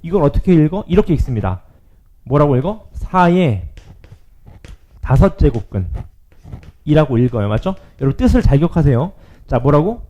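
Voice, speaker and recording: A male math teacher giving a lively classroom lecture, often checking in with his students. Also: a little high, fast talker, lo-fi sound.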